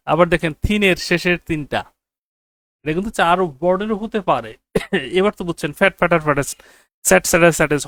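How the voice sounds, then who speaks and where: A man's voice: on the high side, a bit bright. A man lectures on English grammar in a slightly raised voice. He says the key phrases over and over for emphasis and keeps checking that his students understand. The sound is dry and close, with no room echo. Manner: quizzes students with rhetorical checks. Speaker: English teacher.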